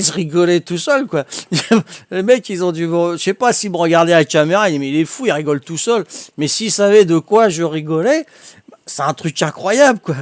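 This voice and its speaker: A man's voice: sits high, dry recording, studio quality. An older man from Corsica, telling funny anecdotes to his stream viewers in a chatty way and laughing at his own stories. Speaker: game streamer. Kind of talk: casual storytelling to stream viewers.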